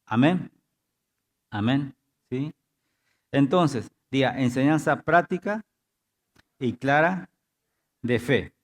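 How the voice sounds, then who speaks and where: A man preaching from a church pulpit in a voice of ordinary pitch. He keeps drawing the congregation in with short prompts and checks. His delivery is that of a pastor teaching a sermon. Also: lively intonation, slow pace, long pauses. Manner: repeats "diga" and "¿sí?" to engage the congregation.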